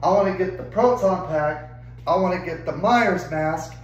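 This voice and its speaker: A man's voice: high-pitched, normal speed, echoey room, a little hiss or hum, low-quality recording. A young adult man ranting angrily and profanely to camera, exasperated and swearing constantly. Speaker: vlogger. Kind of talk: angry rant to camera.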